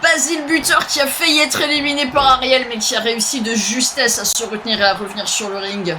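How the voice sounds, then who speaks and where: A man's voice: very high-pitched, steady tone, quick pace, sharp tone, a little hiss or hum. A young man co-hosting a live stream, calling the action with mock-dramatic jokes. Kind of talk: playful live commentary.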